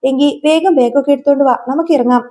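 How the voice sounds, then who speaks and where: A woman's voice: sits high, fast, mellow, lightly acted. A woman voicing a cheerful, caring middle-aged father in a retold serial story. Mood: fond.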